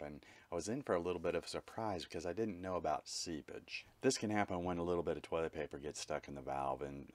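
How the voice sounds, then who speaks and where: Vlogger narrator: man with an extremely low voice, candid and matter-of-fact, dry close recording. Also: dry recording. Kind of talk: reflective voice-over narration.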